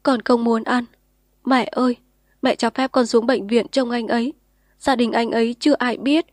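A woman's voice: fairly high pitch, steady tone, normal speed, a little mellow, dry recording, clean studio sound, voice pushed up, lightly acted. A woman voicing a young village woman who pleads through tears. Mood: pleading. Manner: pleading, tearful.

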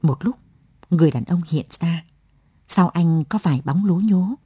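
Husky low-voiced woman narrating a story. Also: no echo, studio quality. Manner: gentle, measured narration. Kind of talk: late-night radio story reading.

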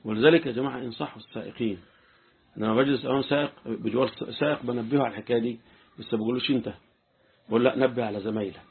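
A sheikh with an Egyptian Arabic accent gives an informal lesson in Quran commentary, often checking that his listeners follow. His medium-pitched voice is husky with vocal fry, steady in tone, and racing. The recording is tinny and lo-fi, like a phone.

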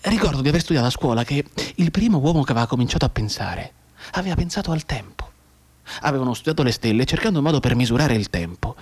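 Playing a maimed and despairing young soldier, a male actor gives a radio drama monologue in a slightly rough, mid-range voice. The mood is urgent and brooding, and his halting delivery shifts between hushed and agitated.

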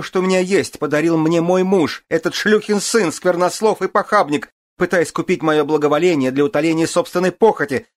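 A man reading an audiobook, voicing a furious, tearful young noblewoman who shouts indignantly. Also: mid-range voice, pitched above the performer's own voice, lightly acted.

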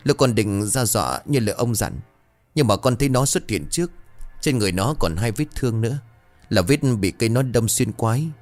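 A man's voice: on the low side, animated, fairly quick, darkish tone, soft background music, lightly acted. A man voicing a frightened young male servant who stammers and pleads in panic. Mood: terrified pleading.

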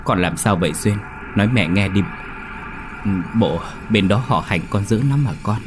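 A man's voice: fairly low pitch, moderate pace, noisy background, natural voice. A man voicing a grieving elderly mother who pleads and weeps in a ghost story. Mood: gentle. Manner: tearful, pleading. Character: grieving old mother, wailing.

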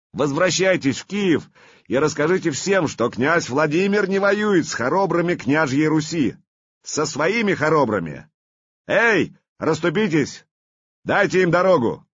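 Proud warrior prince, voiced by a man, shouting across the battlefield, husky strained voice, storybook reading. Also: on the high side, very animated, measured pace, dry recording, lo-fi sound, pitched above the performer's own voice, heavily acted. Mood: booming commanding.

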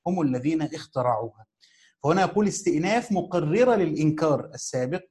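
A man with an Egyptian Arabic accent teaches a class, reading a commentary slowly phrase by phrase, repeating key words for emphasis and putting rhetorical questions to his students. His voice is on the high side and a little mellow.

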